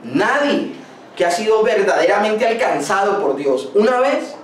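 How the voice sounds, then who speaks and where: A male pastor with a high, sing-song voice preaches unhurriedly, driving his points home with rhetorical questions and personal anecdotes. He sounds distant in an echoey room, with faint noise.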